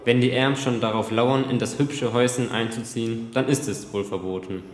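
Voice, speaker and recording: A man's voice: mid-range voice, steady tone, normal speed, reverberant, natural voice. Man playing a defiant jailed healer. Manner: defiant, wry. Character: defiant old village healer prisoner.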